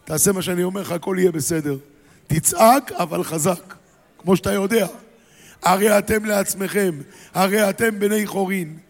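A man voicing a stern, steady prophet who speaks in firm warnings, with a long hall reverb. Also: high-pitched, vocal fry. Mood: reassuring.

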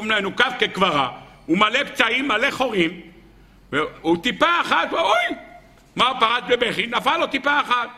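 גבר בעל קול גבוה ובהיר בדרשה. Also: male voice, sits high, sharp tone, long reverb tail. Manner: asks the audience questions and answers them himself, with humor. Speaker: rabbi giving a Torah talk. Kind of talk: sermon with storytelling.

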